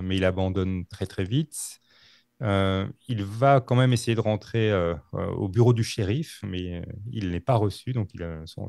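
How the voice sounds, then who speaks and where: A man telling a true-crime story on a podcast, halting with many fillers and restarts. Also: fairly low pitch, gravelly, a little mellow, dry recording, studio quality. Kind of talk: casual storytelling.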